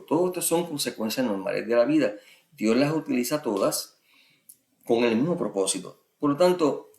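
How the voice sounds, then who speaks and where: Male preacher, gravelly mid voice, conversational sermon, roomy echo. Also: fairly low pitch. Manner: conversational, asks "¿Ok?" often.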